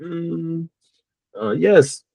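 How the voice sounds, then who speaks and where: Speaking English extremely slowly with a French-speaking Cameroonian accent, a young Cameroonian architect whose first language is French responds to interview questions with care, hunting for words and repeating phrases. His voice is a little high and warm, with lively intonation and vocal fry, recorded with no echo.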